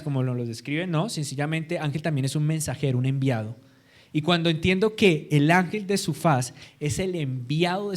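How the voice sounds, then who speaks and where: A man preaching a Sunday sermon, earnest, asking rhetorical questions and often restarting his phrases. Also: on the high side.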